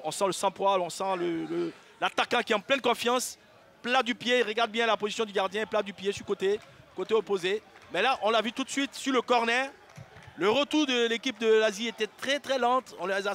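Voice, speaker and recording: A man's voice: high-pitched, a little fast, a bit bright. A man co-commentating on football, analytical and conversational, often repeating words and phrases.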